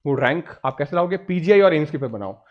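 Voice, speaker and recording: In a lo-fi recording, a man with an Indian accent coaches students for exams, speaking fast in a slightly high voice with lively intonation. His delivery is emphatic and instructive; he frequently asks his own questions and then answers them, slipping English words in as he goes.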